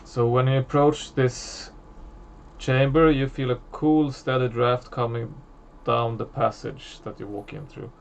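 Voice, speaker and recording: Gravelly male game master, hesitant, filler-heavy delivery. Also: medium pitch, flat delivery, a little hiss or hum. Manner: halting, many fillers and restarts. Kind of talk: narrating a tabletop horror game.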